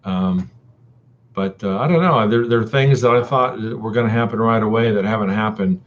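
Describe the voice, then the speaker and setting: A man's voice: fairly low pitch, moderate pace. A man chatting casually on a live stream, rambling with many ums and uhs and calling viewers buddy and dude. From Texas. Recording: dull lo-fi stream audio.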